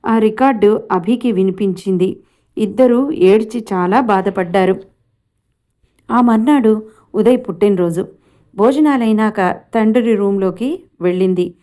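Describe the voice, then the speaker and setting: Calm woman storyteller, mellow tone. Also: medium pitch, unhurried, pauses often. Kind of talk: scripted story narration.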